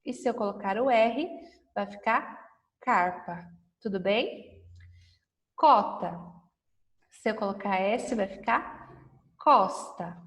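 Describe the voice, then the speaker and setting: Slow, patient woman teacher. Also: medium pitch, animated, big-room sound, recorded from a distance. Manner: slow and patient, stretching out words; often checks understanding with "tudo bem?". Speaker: primary school teacher. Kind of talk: slow, patient lesson correction for first graders.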